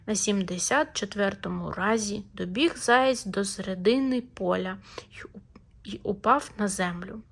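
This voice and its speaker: A woman narrating a children's fairy tale audiobook in a lively, expressive storytelling manner. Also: medium pitch, moderate pace, vocal fry, slightly rough.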